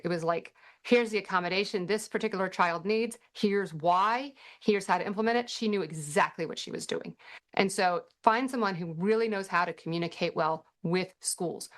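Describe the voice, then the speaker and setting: A middle-aged woman hosting a parenting workshop, answering questions in a chatty way with dry sarcastic asides. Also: on the low side. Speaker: workshop host and parent advocate. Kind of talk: casual teaching Q&A.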